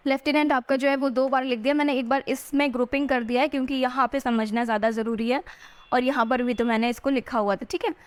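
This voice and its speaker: High-voiced woman teaching spelling. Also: steady tone. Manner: spells words out letter by letter, slowly; frequent "theek hai" check-ins. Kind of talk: exam-prep spelling lesson.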